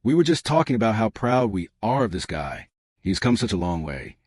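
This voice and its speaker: A man's voice: fairly low pitch, very animated, a little fast, a little mellow, dry recording, clean studio sound. A man reading the lines of a proud, somewhat awkward middle-aged father in a narrated story. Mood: jovial. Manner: jovial, a bit awkward.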